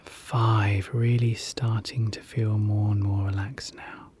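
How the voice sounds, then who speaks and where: A relaxation guide leading a guided hypnosis session in a soft, soothing whisper, repeating gentle calming phrases. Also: medium pitch, slow pace, slightly rough.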